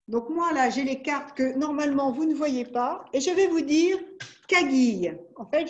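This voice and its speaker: A woman's voice: high voice, a little mellow, lo-fi sound. A woman presenting educational games in a webinar, patiently walking through the rules step by step over a video call. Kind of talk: explaining a product webinar.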